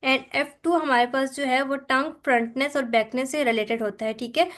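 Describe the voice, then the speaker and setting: A woman with a Pakistani accent teaching a phonetics lesson, walking through slides, often pausing to check and drawing out examples slowly. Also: high-pitched, fairly even intonation, a bit bright. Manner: mixes Hindi-Urdu with English terms, repeats "ठीक है", slows to spell out examples. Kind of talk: lecture explaining slides.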